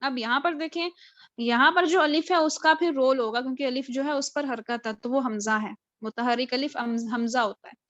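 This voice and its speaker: A woman teaching Qur'an recitation in a live online class, patiently drilling each letter and spelling words out slowly, syllable by syllable. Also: high-pitched, fairly bright tone, dry recording. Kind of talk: live online tajweed lesson. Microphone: video call. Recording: dull lo-fi video call audio.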